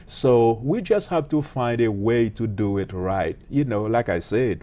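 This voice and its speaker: A man, a pastor and police officer telling his story as an interview guest in an earnest, halting way with many fillers. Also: mid-range voice, animated, mellow. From Haiti. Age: late 30s.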